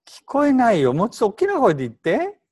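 A man's voice: very high-pitched, huge pitch swings, fast, darkish tone. A man teaching an English translation class in Japanese, prodding students with questions and switching into English.

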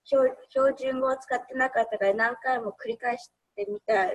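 A woman's voice: sits high, steady tone, normal speed, poor audio. A woman in casual discussion of a film, talking hesitantly with many fillers. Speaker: discussion participant.

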